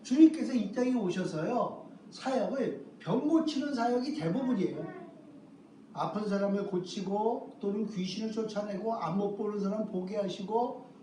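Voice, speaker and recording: A male pastor with a high, warm voice preaches a sermon in a church sanctuary, posing rhetorical questions and answering them himself while drawing out key phrases for emphasis. The recording is roomy, with a distant mic, faint ambience, and a slight hiss or hum.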